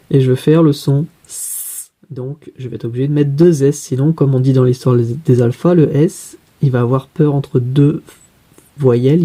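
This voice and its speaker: A man's voice: medium pitch, warm tone, breathy edge. A man teaching a spelling lesson, patiently walking through each step by asking and answering his own questions.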